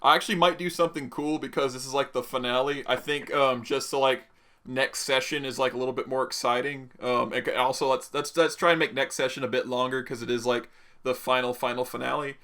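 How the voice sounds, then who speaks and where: Guy game master, bright voice, medium pitch, rambly improvised narration, keeps rewording stuff. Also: steady tone, brisk. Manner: rambling, repeats and revises phrases. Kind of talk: improvised tabletop game narration, casual chat.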